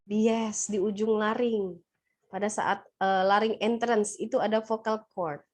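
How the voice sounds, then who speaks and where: A woman lecturing nursing students in an online class, asking them questions in a brisk, playful way. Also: medium pitch, steady tone, a little mellow. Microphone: laptop or webcam mic on a video call.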